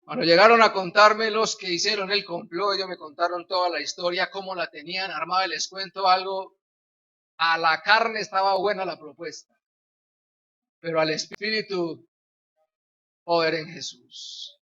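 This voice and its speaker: A man's voice: high-pitched, steady tone, normal speed, sharp tone, highs cut off. A man preaching a sermon as pastor, acting out the voices of people in his stories.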